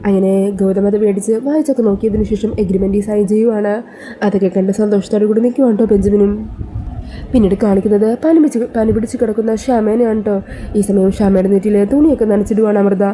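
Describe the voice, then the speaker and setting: A woman recaps a serial in a brisk, chatty flow. Her voice is dark and mellow, and she hurries from scene to scene with easy colloquial asides. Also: medium pitch, steady tone, a little hiss or hum, rough recording. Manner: fast, chatty retelling with colloquial tags. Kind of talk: casual spoken story recap.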